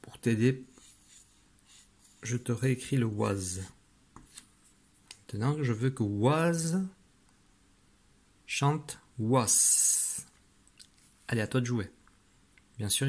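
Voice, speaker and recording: A man teaching a spelling lesson, slowly sounding out syllables with patient guidance to a child at home. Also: medium pitch, darkish tone, breathy edge. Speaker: primary school teacher.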